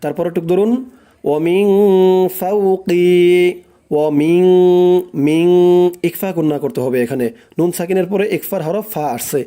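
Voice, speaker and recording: A man's voice: a little high, normal speed, warm tone. A man teaching a recitation lesson, breaking words into syllables, drawing out the recited phrases and having listeners repeat after him.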